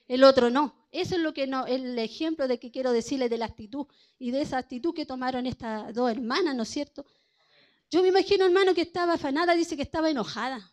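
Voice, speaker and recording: Woman preaching a sermon. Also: high-pitched. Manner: conversational, keeps asking "¿no es cierto?".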